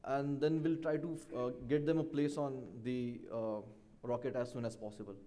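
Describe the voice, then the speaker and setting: A man with a mellow, relaxed tone and medium pitch answers as a startup presenter. He is hesitant, assembling his explanation piece by piece. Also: moderate pace. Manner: hesitant, piecing the answer together. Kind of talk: answering questions at a pitch competition.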